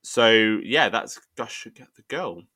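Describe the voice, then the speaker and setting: A man with a low but bright, forward voice hosts a casual film review. He is chatty and informal, feeling his way haltingly through his opinions. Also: lively intonation, dry recording, clean studio sound. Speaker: film review show host.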